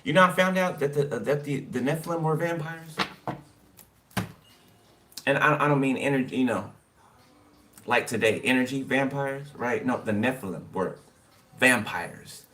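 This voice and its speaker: A man's voice: medium pitch, moderate pace, long pauses, pushed and bright. A man giving a casual tarot reading, rambling and repeating "okay" and "you know" as he talks to his viewers. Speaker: tarot card reader. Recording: distant mic with background noise. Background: birds chirping.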